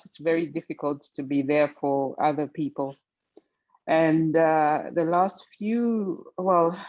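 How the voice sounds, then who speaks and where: A woman in her forties with a fairly low voice introduces herself on a video call. She speaks hesitantly, searching for words, and the call audio sounds dull and lo-fi. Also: darkish tone. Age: 40s. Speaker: webinar participant. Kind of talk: casual self-introduction.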